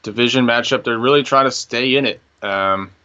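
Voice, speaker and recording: A man co-hosting a casual fantasy baseball podcast, talking through picks in a relaxed way, thinking aloud with fillers. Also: medium pitch, normal speed, clear, resonant tone. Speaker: fantasy baseball analyst co-host. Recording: dull lo-fi audio.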